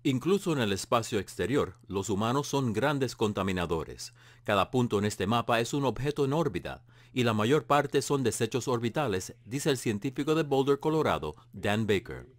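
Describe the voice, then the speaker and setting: A man narrating a news report in a steady, measured, scripted voice-over. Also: mid-range voice.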